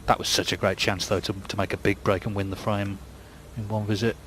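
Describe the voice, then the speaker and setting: A man giving hushed, conversational snooker commentary, measured and analytical. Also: fairly low pitch, little pitch movement, slight background noise, rough recording.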